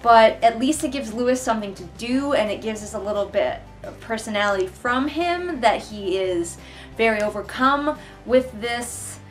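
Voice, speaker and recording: On her living room couch, a young woman vlogs a casual read-along of a book, sitting a little distance from the camera. She sounds animated and on the high side at a moderate pace, mildly sweary with plenty of sarcasm and exasperation. Soft background music accompanies her.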